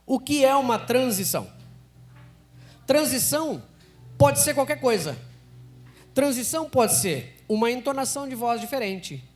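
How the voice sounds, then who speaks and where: A Brazilian man teaching public speaking live to an event audience, energetic, constantly quizzing the room. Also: extremely high pitch, unhurried, long pauses, faint music behind.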